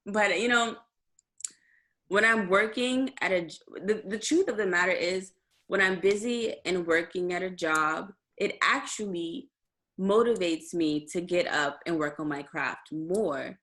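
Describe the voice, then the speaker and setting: A young adult woman chatting in an interview over a video call. Her voice sits on the lower side for a woman, and she rambles comfortably, restarting sentences and leaning on fillers. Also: unhurried, fairly bright tone. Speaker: musician guest. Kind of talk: casual interview chat.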